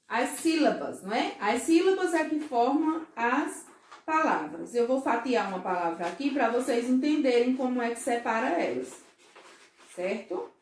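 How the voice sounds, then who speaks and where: A woman teaching a first-grade class, explaining slowly and patiently, often checking that the children follow. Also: on the high side, echoey room, slight background noise. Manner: slow, patient, syllable-by-syllable explaining; frequent checking questions to pupils. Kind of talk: recorded remote class for children.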